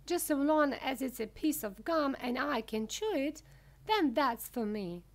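A woman voicing a brash, excitable gum-chewing young girl in a storybook, shrill and insistent. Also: unhurried.

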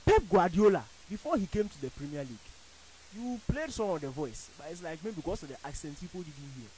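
Wearing headphones at a studio boom mic, a Ghanaian man throws himself into an animated radio debate about football, emphatic and theatrical. His voice is on the high side, sing-song and fairly quick with a darkish tone; the recording is rough, with slight background noise.

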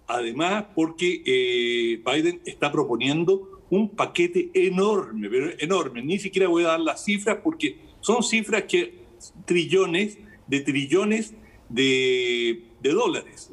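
An older man giving measured live news analysis over a video link from home, with frequent pauses and fillers. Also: fairly high pitch, slightly rough. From Chile. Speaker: international analyst. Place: home room with lamp, remote link.

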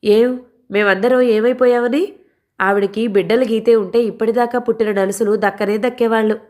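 A woman voicing a cheeky, sharp-tongued young married woman who speaks dismissively in an audio story. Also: on the high side, fairly even intonation, normal speed, pitched above the performer's own voice, natural voice. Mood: scornful. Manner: scornful, dismissive.

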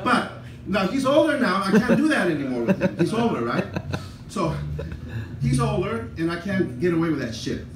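Older comic telling rambling stories on stage. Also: male voice, high voice, big pitch swings, moderate pace, a loud crowd. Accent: Mexican-American. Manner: rambling, self-deprecating storytelling with frequent "right?" asides. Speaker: stand-up comedian. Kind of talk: stand-up comedy set. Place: comedy club stage. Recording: roomy club sound from a distant camera. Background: audience laughter.

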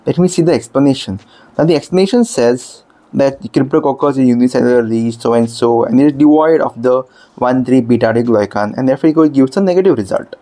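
A man's voice: mid-range voice, a little fast, dark tone. A man who tutors for medical entrance exams, walking viewers through an app and a textbook in an explanatory, emphatic way that is full of "okay"s. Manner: explanatory, emphatic, repeats 'okay'. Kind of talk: screen-demo lesson.

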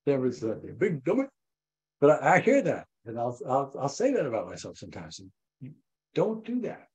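An older man preaching a sermon as pastor, animated and repetitive, acting out voices. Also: a little fast, poor audio. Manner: animated, repeats phrases, acts out voices with rising pitch. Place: church.

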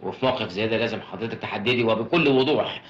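An actor voicing a slick young Egyptian joker, talking very fast in a glib, mock-dignified tone. His mid-pitched voice has an old film soundtrack's dull, roomy sound. He keeps dodging with playful excuses. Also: fairly bright tone, a little hiss or hum, natural voice. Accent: Egyptian Arabic. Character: cheeky young man, smooth-talking, playfully evasive. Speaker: stowaway hiding on a ship. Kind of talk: 1970s film comedy acting.

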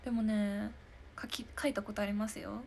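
A faint hiss or hum underlies this young woman's mid-range voice, which is gravelly and a little mellow, with a flat delivery at normal speed. She's an idol in her twenties hosting a live stream talk show. Chatty and giggly, she laughs often while answering viewer comments.

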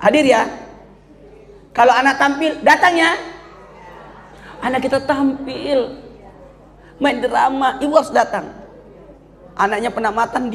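Animated joking preacher in his fifties. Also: gravelly. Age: 50s. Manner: joking, animated, leaps into high squeaky voices. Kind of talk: humorous religious talk to an audience. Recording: hall reverb with faint crowd.

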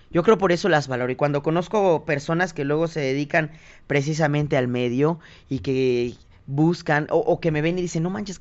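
A young man with a Mexican Spanish accent, telling stories as a podcast guest and acting out other people's lines. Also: on the high side. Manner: animated, quotes others in lively asides. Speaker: guest, singer and TV reporter. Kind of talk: casual interview storytelling. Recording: dull lo-fi podcast audio.

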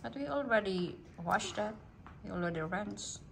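A woman's voice: medium pitch, expressive, moderate pace, creaky, slight background noise, poor audio. A woman off camera in a living room at home, chatting casually as a parent, with short questions and murmured acknowledgements. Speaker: parent prompting a child on camera. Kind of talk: casual chat. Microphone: camera mic, speaker off screen.

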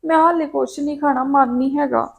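A woman's voice: high-pitched, steady tone, fairly quick, gravelly, background noise. A woman acting a tearful younger sister in a Punjabi family drama, speaking with a Punjabi accent. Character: young woman upset after failing a test.

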